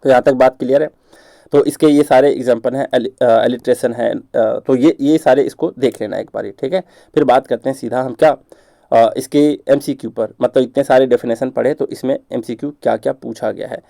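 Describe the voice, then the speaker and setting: Guy teaching grammar, dark gravelly voice, keeps asking if it's clear. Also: medium pitch, steady tone, no echo. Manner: explains patiently, checks understanding with rhetorical questions; reads English examples slowly and deliberately. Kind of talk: exam-prep grammar lecture.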